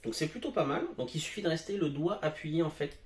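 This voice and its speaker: A man's voice: on the high side, lively intonation, brisk, roomy sound, slight background noise. Hesitant French man demoing a gadget. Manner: hesitant, many fillers. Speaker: tech reviewer. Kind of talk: casual product demo. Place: home.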